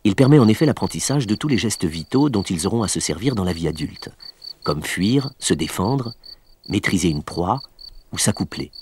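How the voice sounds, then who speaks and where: Low-voiced man narrating a nature documentary. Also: expressive, a little mellow, a little hiss or hum. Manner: measured, explanatory storytelling.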